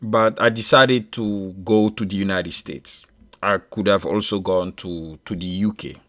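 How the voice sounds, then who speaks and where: A commentator in his thirties from Ivory Coast, a native French speaker with an Ivorian French accent, gives a measured solo monologue. His voice is low-pitched and a bit bright, and he uses frequent fillers and restarts.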